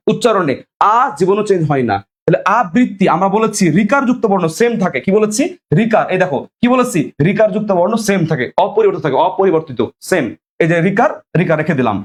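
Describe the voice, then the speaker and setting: Young male tutor, quick-fire drilling style, high-pitched. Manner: drills students with repeated questions; asks viewers to comment. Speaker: teacher. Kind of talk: online exam-prep lesson.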